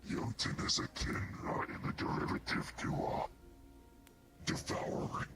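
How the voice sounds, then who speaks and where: A man casually explaining old myths to friends, slow and rambling with pauses to find his words. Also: over loud music.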